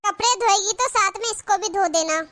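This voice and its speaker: A woman's voice: extremely high pitch, brisk, bright, forceful tone. A woman voicing a nagging middle-aged mother-in-law in a cartoon, calling out and scolding her daughters-in-law.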